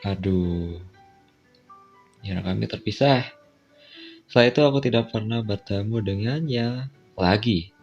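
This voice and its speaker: Music plays behind a dull, lo-fi recording of a video game player with an Indonesian accent reading a visual novel aloud. His voice is medium in pitch and darkish, and he drops in offhand asides during the casual playthrough.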